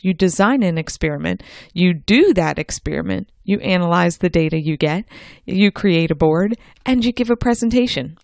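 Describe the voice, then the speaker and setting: A middle-aged woman with a slightly low voice and noticeable creak, recorded close and dry. She hosts an instructional science podcast, reading from a script in an upbeat, encouraging way. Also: no echo. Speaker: host of a homeschool science show.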